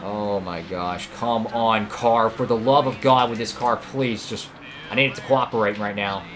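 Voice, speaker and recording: A man commentating live over his own racing game career run, excitable and prone to sudden outbursts at other drivers and his car. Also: mid-range voice, normal speed. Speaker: gaming YouTuber.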